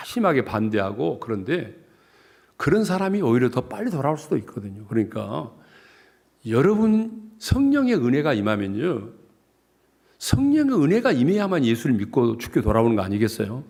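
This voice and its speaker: A man from South Jeolla, Korea, preaching a revival sermon as pastor in a joking, animated way. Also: mid-range voice, fairly quick, vocal fry, slightly rough.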